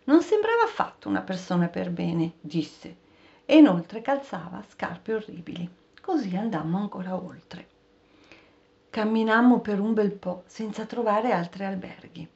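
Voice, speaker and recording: A woman narrating a story aloud as an audiobook reader, in a steady, expressive storytelling manner. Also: mid-range voice, unhurried, gravelly. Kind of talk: scripted narration. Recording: dull, muffled recording.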